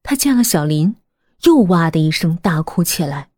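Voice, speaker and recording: A woman reading a suspense story aloud, measured and hushed, sometimes dropping almost to a whisper. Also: lowish voice, big pitch swings, dry recording, studio quality. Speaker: narrator. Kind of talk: scripted audiobook narration.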